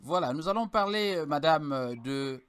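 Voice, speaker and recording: A man hosting a call-in radio show, asking questions in a measured, formal way. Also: a little high, lively intonation, a bit bright, clean tone. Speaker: radio host.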